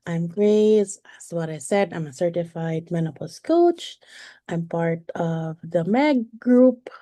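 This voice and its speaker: Woman in her forties, coach presenting slides online, mellow tone, dry computer mic. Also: on the low side, lively intonation, no room sound. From Philippines. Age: 40s. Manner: halting, with frequent fillers and self-corrections. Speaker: perimenopause coach.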